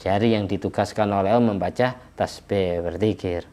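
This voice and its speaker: A man's voice: low-pitched, normal speed, mellow. A man, an Islamic preacher, explaining worship practice plainly and chanting verses in Arabic during a religious study lecture.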